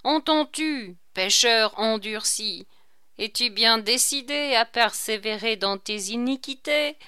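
A woman's voice: fairly high pitch, slow pace, pushed and bright, smooth, no echo, studio quality. A woman reading aloud, voicing a stern, accusing voice that claims to be God. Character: booming accusing voice posing as God.

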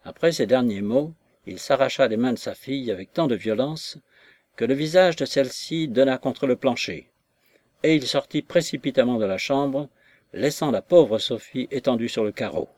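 A man's voice: medium pitch, a little mellow, dry recording. Man narrating a classic novel. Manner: measured, literary reading.

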